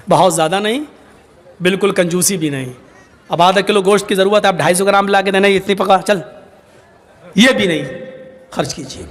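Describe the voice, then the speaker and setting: A male preacher giving a sermon, telling stories in an animated, humorous way. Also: sits high. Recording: long hall reverb.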